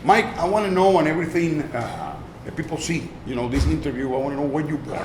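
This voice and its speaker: A Puerto Rican man hosts a sports interview segment, hitting each sponsor name with punch before switching to halting English questions. His voice sits a bit high. The sound is roomy, with faint noise behind it. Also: expressive. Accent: Puerto Rican Spanish. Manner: emphatic ad-style sponsor plugs. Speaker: interviewer and sports show host. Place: restaurant.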